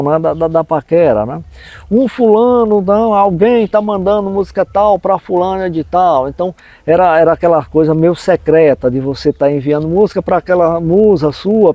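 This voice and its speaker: A professor in his sixties from the backlands of northeastern Brazil reminisces about local life in an interview, explaining things and often tacking on tag questions in his regional accent. His voice is high-pitched and warm, recorded without echo.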